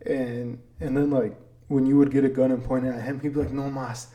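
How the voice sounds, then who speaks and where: A man's voice: medium pitch, level tone, fairly quick, lo-fi sound. A young man hosting a podcast, casually telling family stories and dropping "dude" and "like" all the time. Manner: laid-back, peppers speech with "dude" and "like". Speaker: podcast host. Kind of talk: casual storytelling chat.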